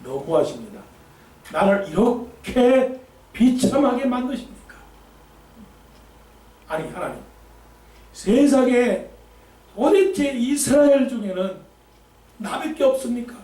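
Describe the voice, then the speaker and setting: A man's voice: extremely high pitch, big pitch swings, takes it slowly, pauses often, warm tone, voice pushed up, exaggerated voice. A man preaching voices a despairing, self-pitying prophet who cries out to God in pleading complaint. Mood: anguished complaint. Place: church sanctuary. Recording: echoey church from a distance.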